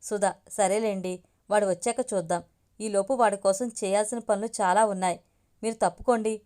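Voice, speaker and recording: A woman's voice: medium pitch, steady tone, brisk, warm tone, close to an everyday voice. A woman voicing an eager, bustling middle-aged mother in a narrated family story. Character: excited middle-aged mother awaiting her son.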